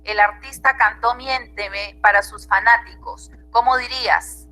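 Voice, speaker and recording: A woman's voice: on the high side, steady tone, measured pace, pushed and bright, soft background music, rough recording. A woman teacher with a Peruvian Spanish accent, giving an online grammar class and checking in with her students often.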